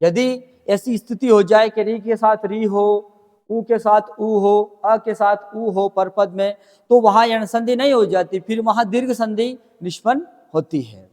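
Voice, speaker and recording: A man's voice: sits high, fairly even intonation, a little slow, a little mellow, big-room sound. A man teaching a grammar lesson, explaining step by step and answering his own questions as he goes.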